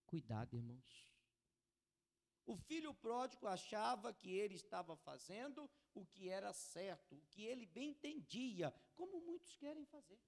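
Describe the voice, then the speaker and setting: A man preaching a sermon as pastor, swinging from soft warnings to loud exclamations. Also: high voice, big pitch swings, unhurried, vocal fry. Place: church hall with long reverb. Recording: church sermon with long hall reverb.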